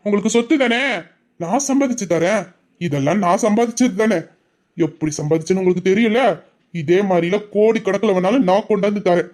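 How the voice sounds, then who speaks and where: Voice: medium pitch, brisk, a little mellow, lightly acted. A performer voicing a domineering, boastful young man with an obsessive streak, in an audio drama. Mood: defiant boasting. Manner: boastful, menacing.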